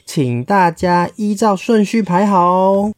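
A man voicing a courteous bird who keeps a line of animals in order, gently scolding them. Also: high-pitched, slow, no room sound, studio quality, voice pushed up. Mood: polite.

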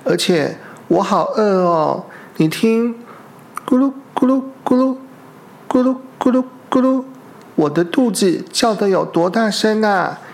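Storyteller doing a little weasel, touchy and hungry, slow. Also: mid-range voice, creaky. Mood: pleading. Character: small hungry male weasel, touchy and quick to argue.

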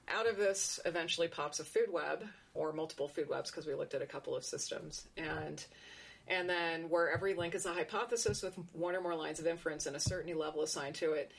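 A woman's voice: deep voice, vocal fry, husky. A woman researcher explaining her work in conversation, thinking aloud with frequent restarts and asides.

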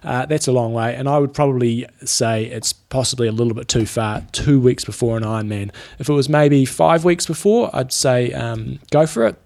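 A man's voice: medium pitch, normal speed, gravelly, few pauses, a little mellow. A man with a New Zealand accent co-hosting a podcast in casual, slangy sports chat about endurance training. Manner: informal, slangy. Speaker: podcast co-host.

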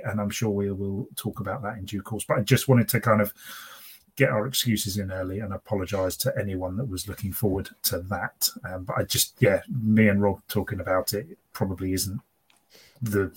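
A man chatting casually as a podcast co-host, rambling and interrupting himself, in a husky voice. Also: fairly low pitch. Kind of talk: casual chat.

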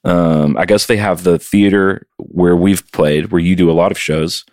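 A man's voice: deep voice, steady tone, moderate pace, darkish tone, no room sound. A man co-hosting a podcast from his home music studio, chatting loosely with jokes and swearing. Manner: loose, joking and profane. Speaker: podcast co-host and touring musician. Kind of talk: casual podcast chat.

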